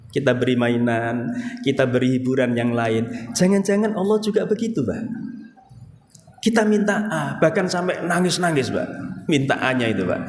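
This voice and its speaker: A man's voice: a little high, a little hiss or hum. A middle-aged man with an East Javanese accent giving a Ramadan evening sermon in a mosque, folksy and direct, often turning to the men with "Pak". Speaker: preacher. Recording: echoey mosque hall, faint ambience.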